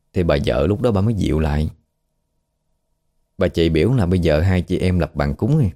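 A man's voice: deep voice, mellow. A man with a Southern Vietnamese accent telling a horror story in a chatty, conversational way, acting out the people he quotes.

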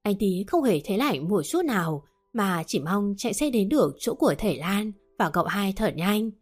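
A woman narrates a story. Her reading is steady and dramatic, at an ordinary pitch. Quiet music plays underneath. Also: moderate pace. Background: soft background music.

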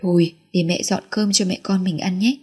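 A woman's voice: on the low side, fairly even intonation, moderate pace, slightly rough. A woman reading as a fierce, brash village mother. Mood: coaxing. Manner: brash, loud-mouthed. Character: scolding fierce working mother, middle-aged woman.

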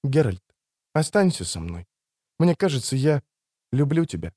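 A man voicing a proud, scorned sorceress in an audiobook reading, with biting sarcasm that softens into pleading. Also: a little high, very animated, a little fast, no room sound, clean studio sound.

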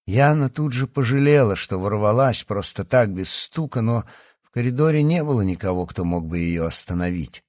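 A man reading an audiobook as the narrator, with an expressive storytelling delivery. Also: fairly low pitch, moderate pace, dry recording, studio quality.

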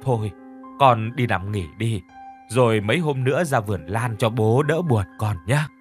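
A man voicing a widowed middle-aged father who is gruff but sorrowful in an audiobook story. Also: mid-range voice, normal speed, faint music behind, natural voice. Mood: consoling.

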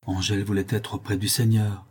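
A gentle young man who speaks softly and consolingly, as a man reads him aloud. The voice stays low, warm and husky. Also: little pitch movement, fairly quick. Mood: tender. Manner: soft, consoling. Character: gentle young man comforting a grieving friend.

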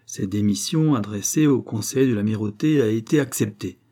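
A man reading a classic novel aloud as narrator, measured and dramatic. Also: fairly low pitch, mellow. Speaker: audiobook narrator. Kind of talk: scripted narration.

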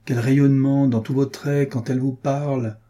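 A man's voice: medium pitch, little pitch movement, normal speed, dark tone, pitched above the performer's own voice, close to an everyday voice. A man voicing a jealous, vengeful noblewoman. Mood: reproachful. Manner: pleading then bitter, vengeful. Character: jealous, passionate noblewoman scorned by her lover. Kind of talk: audiobook character reading.

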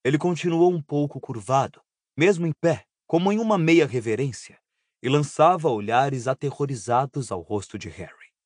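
A man narrating an audiobook in a steady, even storytelling voice. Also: mid-range voice, moderate pace, no room sound, clean studio sound. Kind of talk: scripted narration.

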